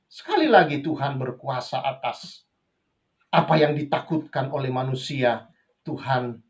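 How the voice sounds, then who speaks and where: A man who is a pastor preaching a sermon, swinging between raised passages and quiet asides, often addressing the congregation as brothers and sisters. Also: fairly high pitch. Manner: preaches with sudden rises and drops, addresses listeners as brothers and sisters.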